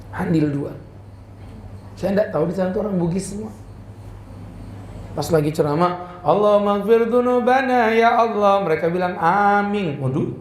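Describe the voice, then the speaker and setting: A man preaching a humorous religious lecture, lively and joking, who switches between slow chanted recitation and chatty talk. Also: sits high. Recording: echoey room with faint background noise.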